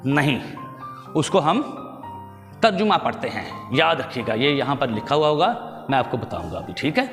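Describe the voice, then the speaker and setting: In a large hall with faint music behind him, a language teacher gives a pronunciation lesson in a mid-range, slightly bright, very animated voice at a moderate pace. He patiently corrects words, spells out vowel marks, and fondly calls his viewers "children."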